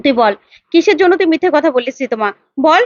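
A woman's voice: high voice, expressive, fast talker, no echo, dull audio. A woman voicing a loyal young man who speaks earnestly.

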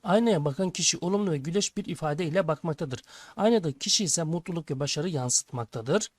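A man's voice: on the high side, quick pace, dry recording. A male teacher working through textbook exercises for sixth graders, reading each question aloud and answering it. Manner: addresses pupils as friends, reads questions aloud then answers. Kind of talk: textbook lesson walkthrough.

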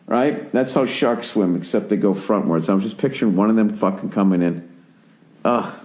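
A man in his forties with an American accent hosts a casual podcast chat, rambling through profane rants and stories. His fairly low, a little mellow voice moves at a moderate pace, and the recording sounds roomy and echoey.

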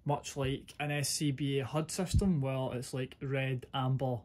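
Guy casually reviewing gear, mid pitched voice, rambles and corrects himself. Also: fairly even intonation, measured pace, a little mellow. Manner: informal, rambling, self-correcting. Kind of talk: casual hands-on product review.

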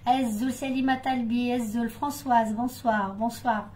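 A woman with a fairly high voice hosts a live cooking stream in a relaxed, chatty way. She greets viewers by name with affectionate words. She grew up in Algeria. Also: a little slow, a little hiss or hum, poor audio. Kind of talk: casual live chat with viewers.

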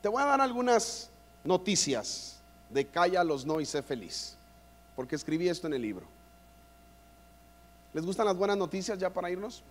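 Male speaker, fairly high-voiced, giving a playful, joking sermon to a church crowd. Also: sing-song, moderate pace, pauses often, in a large hall, slight background noise. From Mexico. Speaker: conference speaker. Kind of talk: humorous preaching. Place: church conference hall.

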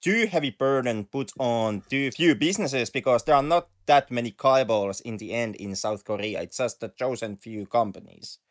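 A man's voice: medium pitch, moderate pace, few pauses. A man co-hosting a film podcast, reasoning carefully and politely in casual discussion. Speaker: podcast co-host.

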